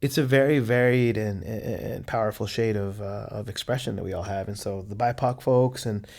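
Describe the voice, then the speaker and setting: A man answering interview questions in a casual, enthusiastic, animated way. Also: lowish voice, normal speed, gravelly. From United States. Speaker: artist guest.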